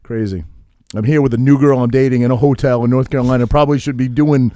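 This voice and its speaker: A man's voice: medium pitch, steady tone, fast, mellow, no echo, clean studio sound. A man in his thirties co-hosting a podcast, telling stories in a casual, profane way and laughing at himself. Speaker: podcast co-host.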